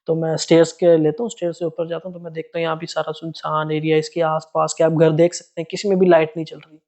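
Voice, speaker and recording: A young man recounts an eerie story in casual vlog style. His voice sits slightly higher than usual for a man. He keeps it chatty and repeats phrases to build suspense. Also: a little mellow. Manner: conversational, dramatic retelling with many repetitions. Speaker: vlogger.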